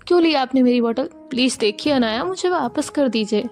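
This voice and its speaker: A woman's voice: high-pitched, lively intonation, a little fast, darkish tone, faint music behind. A woman voicing a stubborn, childish young woman who insists on getting her way. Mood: insistent. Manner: insistent, demanding.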